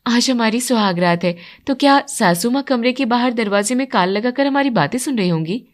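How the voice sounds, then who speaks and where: A woman's voice: a little high, lively intonation, fairly quick, lightly acted. Woman playing a bold, playful young bride. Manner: playful, outspoken.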